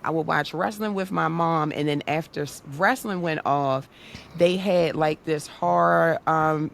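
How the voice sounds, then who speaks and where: A woman guest on a podcast, telling a personal story in an animated way and acting out the dialogue. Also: fairly low pitch, creaky, slight background noise. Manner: animated, acts out quoted dialogue. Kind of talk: casual storytelling.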